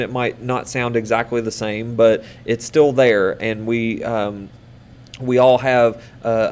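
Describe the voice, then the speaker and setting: A teacher in his thirties gives children an online lesson from a small room, recorded on a webcam. He's patient and upbeat, with a mid-range voice and many fillers and pauses.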